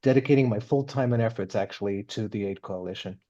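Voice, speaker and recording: A man gives a polished, upbeat opening for a campaign before introducing himself. His voice is mellow, and the recording sounds dull and low-fidelity. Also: quick pace. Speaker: campaign organizer.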